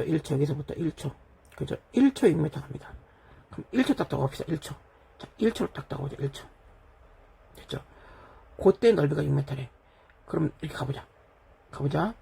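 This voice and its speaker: A gravelly, husky man in middle age lectures on physics while he writes on a board. His voice sits a little high and sounds dark and mellow. He keeps asking his students whether they are following. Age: middle-aged. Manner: keeps checking in with "됐죠?" and "그죠?"; talks while writing on a board. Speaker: physics teacher. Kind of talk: lecture solving an exam problem.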